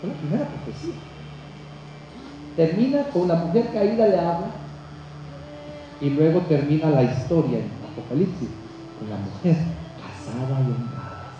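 A man preaching a sermon. He swings between shouted climaxes and low, quiet passages and puts rhetorical questions to his congregation. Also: lively intonation, normal speed, long pauses, dull audio, noisy background. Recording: very echoey church hall with music behind.

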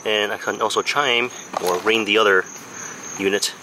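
An American man in his thirties gives an informal hands-on product review on a backyard deck, speaking at a normal pace in a lowish voice with fairly even intonation. His delivery is plain and slightly hesitant, and insects and traffic can be heard outdoors.

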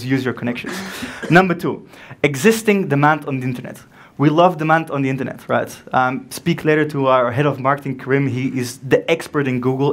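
On a stage in a dark event room before an audience, a young Belgian man with a French accent delivers an energetic keynote at a startup conference. His voice sits at medium pitch, and he tells stories animatedly, acting out quick back-and-forth dialogues.

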